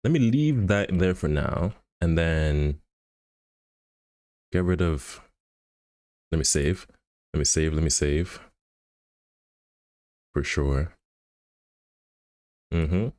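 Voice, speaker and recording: Low-voiced man muttering while he works. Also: expressive, takes it slowly, long pauses, a little mellow, dry recording, clean studio sound. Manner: muttering to himself, thinking aloud, humming beeps. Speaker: streamer. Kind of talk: casual livestream commentary while animating.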